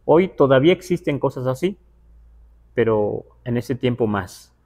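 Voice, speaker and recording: A man's voice: medium pitch, animated, darkish tone. A man from the Huasteca teaching a livestreamed Nahuatl class, reading passages aloud and glossing them word by word. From Huasteca, Mexico. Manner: slow, explanatory, reads aloud and glosses word by word; checks in with listeners, asking "¿verdad?".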